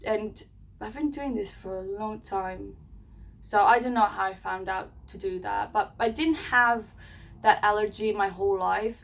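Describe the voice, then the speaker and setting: Rambling woman vlogger from Serbia. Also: mid-range voice. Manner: rambling, many fillers and restarts. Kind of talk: casual chat to camera.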